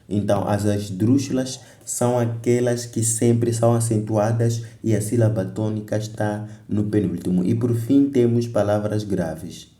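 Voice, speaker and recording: A man walks through a grammar lesson for an exam, repeating examples and stopping to correct himself. His voice sits a little low and sounds mellow and dark. The recording has noticeable room echo. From Mozambique. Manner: explains step by step, repeats examples, corrects himself mid-sentence. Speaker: teacher.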